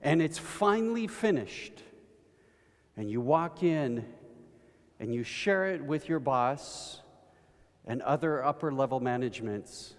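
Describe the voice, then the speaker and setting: A man preaching a sermon, telling everyday stories at an unhurried pace and building to emphatic bursts. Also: medium pitch. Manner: slow, storytelling delivery with rising emphatic bursts. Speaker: pastor. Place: church sanctuary. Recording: long reverb of a church hall.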